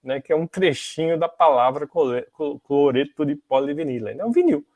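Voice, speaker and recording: A Brazilian podcast host with a fairly high, slightly mellow voice and lively intonation speaks at normal speed, with no room sound. He explains the history of music technology in a casual, didactic way, regularly checking in with little tag questions.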